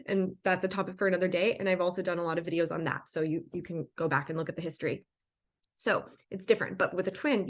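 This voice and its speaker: Chatty woman giving a spiritual talk. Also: medium pitch. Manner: chatty, meandering, lots of "like" and "right?". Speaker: spiritual channel and guide. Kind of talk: casual spiritual teaching monologue.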